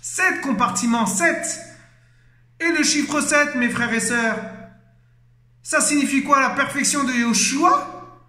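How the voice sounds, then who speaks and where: A man's voice: very high voice, slow pace, pauses often, pushed and bright, echoey room. A man giving an impassioned, fervent exhortation as a preacher, emotional, exclaiming and repeating himself.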